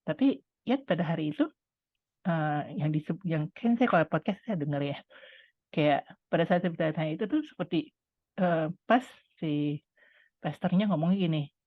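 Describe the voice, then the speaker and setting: Low-voiced woman over a tinny line. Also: expressive, normal speed, pauses often, dry recording. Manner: chatty and conversational, addresses listeners as friends. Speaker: speaker sharing a testimony. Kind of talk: personal testimony talk. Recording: tinny phone-like line, dry sound.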